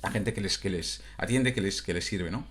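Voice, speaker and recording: A man's voice: low voice, normal speed, a bit bright. A man from Catalonia, a coach talking in a casual, reflective monologue that stumbles over restarts and tag questions. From Catalonia, Spain.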